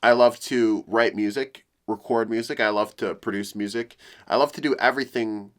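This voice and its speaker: A man's voice: on the low side, fairly even intonation, normal speed. A young man talking candidly to the camera about feeling depressed after a breakup, rambling with many fillers and restarts. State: low and depressed. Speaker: vlogger. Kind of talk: personal venting monologue.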